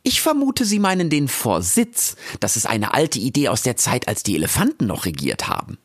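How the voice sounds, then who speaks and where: A man's voice: medium pitch, wildly swooping pitch, moderate pace, husky, dry recording, clean studio sound, voice pushed up, full character voice. A man voicing a polite, prim older female meerkat who lectures courteously, in an audiobook. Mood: gracious. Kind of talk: audiobook character voice.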